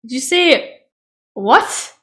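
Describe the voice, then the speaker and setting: Woman chess streamer, lively sing-song delivery, slow and unhurried, giggles easily. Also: high-pitched. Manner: easily amused, breaks into giggles, chatty asides to viewers. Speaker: chess streamer reviewing viewers' games. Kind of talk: casual livestream game analysis.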